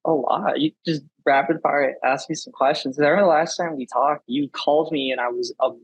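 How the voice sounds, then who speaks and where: Hoarse man in his 20s, easygoing podcast co-host, husky and dry. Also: fairly high pitch, fairly even intonation, fairly quick, dry recording, rough recording. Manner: laid-back, rambling storyteller. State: hoarse, raspy from a cold. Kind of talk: casual chat.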